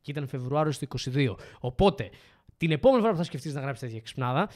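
A man's voice: medium pitch, lively intonation, a little mellow. A man from Greece, co-hosting a casual podcast, bluntly answering a viewer comment. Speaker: podcast co-host. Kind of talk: casual chat.

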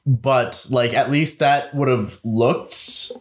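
A man's voice: mid-range voice, fairly even intonation, slow. A man reviewing a movie in casual chat, rambling with many fillers, swearing and laughing often.

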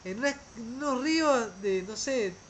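A man's voice: very high-pitched, animated, unhurried, fairly bright tone, a little hiss or hum, low-quality recording. A man tells travel stories casually, rambling, often restarting words and trailing off. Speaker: traveler telling a story.

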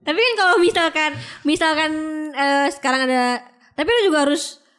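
This woman hosts the chat with a high voice that sits well above most. She fires off playful, teasing questions at a quick clip. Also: expressive, fairly bright tone. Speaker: podcast host. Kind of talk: casual interview chat.

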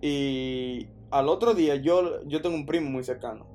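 A man from the Dominican Republic with a Dominican accent, casually telling a personal story in an animated, slangy way, often restarting his sentences. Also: medium pitch, normal speed, faint music behind. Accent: Dominican Spanish. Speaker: podcast storyteller.

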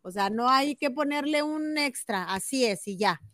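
A woman co-host chats casually and emotionally, often acting out what others said to her. Her voice sits somewhat high. The sound is close and dry, with no room behind it. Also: normal speed, no room sound. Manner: emotional, animated retelling with quoted dialogue. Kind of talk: casual chat.

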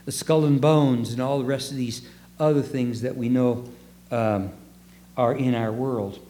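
A man's voice: steady tone, measured pace, dark tone, slight background noise. A man preaching a sermon, reading scripture aloud and talking it over with the congregation in a conversational way, often asking them questions. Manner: rises for emphasis, drops low for asides. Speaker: pastor.

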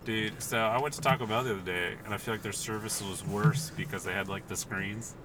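A man's voice: lowish voice, steady tone, fairly quick, background noise. A man in casual chat, making playful wry asides. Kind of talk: casual chat about food.

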